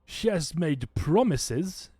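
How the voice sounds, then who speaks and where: A man voicing a solemn, wary woman who guards the clans, speaking slowly and with hesitant pauses. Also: on the high side, animated, mellow, husky, dry recording, full character voice. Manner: slow, measured, hesitant.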